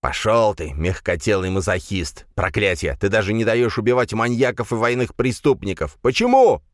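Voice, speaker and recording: A gleeful, mocking darkness speaks from inside its host, as a deep-voiced male narrator puts it on. It jeers and taunts in an audiobook fantasy reading. The sound is dry, close and without room. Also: lively intonation, moderate pace, no room sound, lightly acted. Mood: furious.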